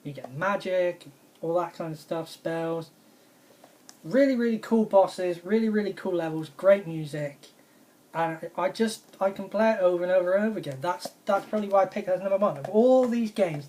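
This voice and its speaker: A woman's voice: on the low side, normal speed, mellow. A woman, casually reviewing her favourite retro video games in an enthusiastic, rambling way and repeating her praise. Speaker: video game vlogger.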